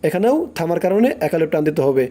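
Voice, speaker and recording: This man's voice is slightly high and dark-toned, with lively intonation and a quick pace. He leads a recitation lesson, splitting words into syllables and stretching out phrases for listeners to echo back.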